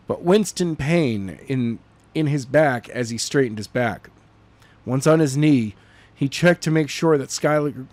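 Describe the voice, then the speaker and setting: With a medium-pitched, slightly mellow voice in a dry recording, a man works his way through a novel chapter. His reading is rough and halting, full of repeats and restarts.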